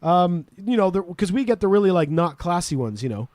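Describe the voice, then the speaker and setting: Guy hosting a podcast: higher voice, dry close sound, swears and laughs a lot. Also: sing-song, a little fast, darkish tone, no room sound. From Canada. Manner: swears freely, laughs often. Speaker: podcast host. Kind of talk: casual podcast banter.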